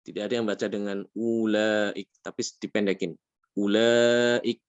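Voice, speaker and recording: A man teaching a tajweed class, patient, asking his students questions and drawing out Arabic words slowly. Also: lowish voice, level tone, dry recording, muffled recording. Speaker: Quran recitation teacher. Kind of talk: tajweed lesson.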